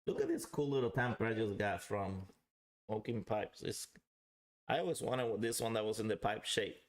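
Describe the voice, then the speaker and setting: A man's voice: on the low side, moderate pace. A man hosting a casual live review and chat, talking directly to viewers in a chatty way. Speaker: livestream host and pipe reviewer.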